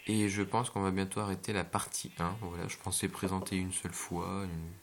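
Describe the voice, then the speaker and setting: Low, gravelly man rambling over gameplay. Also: flat delivery, fairly quick. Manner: rambling, hesitant, with jokey asides. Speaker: gameplay video maker. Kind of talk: casual gameplay commentary.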